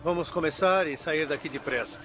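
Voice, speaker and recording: A man's voice: a little high, fairly quick, close to an everyday voice. An actor voicing a crocodilian researcher, a man speaking in a dubbed nature documentary. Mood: cautious, explaining. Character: male crocodilian researcher, cautious and impressed. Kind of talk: dubbed nature documentary interview and field commentary. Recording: noisy, outdoor ambience behind.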